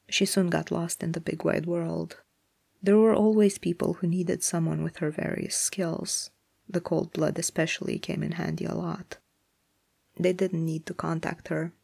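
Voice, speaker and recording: A narrator reading a story aloud in a measured, even way. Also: mid-range voice, gravelly, husky, no echo.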